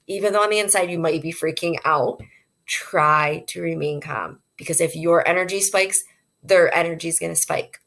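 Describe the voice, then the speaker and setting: Low, gravelly-voiced woman educator. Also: fairly even intonation, brisk. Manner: earnest and conversational, explains with everyday examples. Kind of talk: informal instructional talk to parents.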